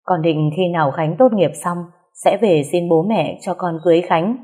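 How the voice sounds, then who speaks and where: Woman voicing a calm, earnest young man. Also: lowish voice, normal speed, close to an everyday voice.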